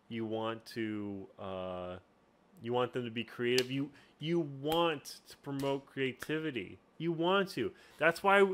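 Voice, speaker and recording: A man with a mid-range, slightly bright voice hosts a casual tutorial as game master and channel host. He rambles, filling his speech with fillers and frequent restarts.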